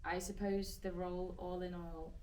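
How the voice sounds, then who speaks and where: A woman's voice: fairly low pitch, flat delivery, moderate pace, mellow, distant mic, a little hiss or hum, rough recording. A woman from Finland with a Finnish accent, answering Q&A questions in a chatty, hesitant way with many restarts. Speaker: actress. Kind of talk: casual Q&A answers.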